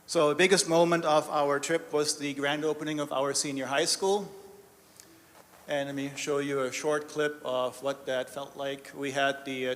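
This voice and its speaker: A man's voice: medium pitch, fairly bright tone, slight background noise. A man giving a heartfelt testimony as a director of development, telling stories in an earnest, emotional way. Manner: earnest, storytelling, emotional at times. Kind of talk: live testimony talk with slides. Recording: reverberant hall.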